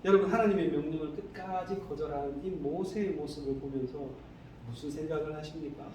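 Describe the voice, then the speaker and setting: A male pastor preaching a sermon in a church, animated, who keeps asking the congregation rhetorical questions. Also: a little high, fairly quick. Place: church sanctuary. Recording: echoey hall, distant mic, faint noise.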